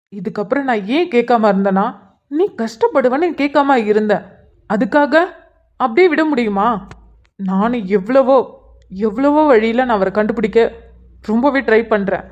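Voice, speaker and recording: A woman's voice: on the high side, moderate pace, long pauses, muffled recording, natural voice. A woman voicing an earnest young man who keeps pressing his elder sister with pleading, insistent questions in a cartoon. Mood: upset. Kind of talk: cartoon voice acting.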